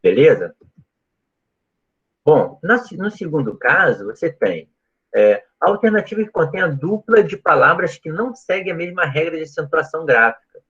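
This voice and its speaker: A man's voice: on the high side, big pitch swings, normal speed, a bit bright, husky, dull audio. A man teaching a live online Portuguese grammar lesson, explaining step by step and often checking that students follow. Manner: explanatory, asks frequent checking questions.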